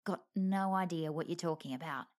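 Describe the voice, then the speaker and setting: A hapless, mild-mannered adventurer man from a storybook, played by a woman close to her own voice. His remarks are weary and deadpan. He sounds resigned to his bad luck. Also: lowish voice, normal speed, close to an everyday voice.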